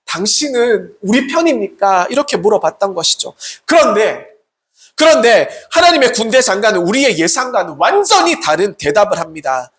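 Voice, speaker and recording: Sermon, animated pitch, rhetorical questions, acted-out quotes, echoey sanctuary. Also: a little fast. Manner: rhetorical questions, acts out quoted prayers and replies. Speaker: Salvation Army officer preaching. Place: church sanctuary. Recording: echoey church room.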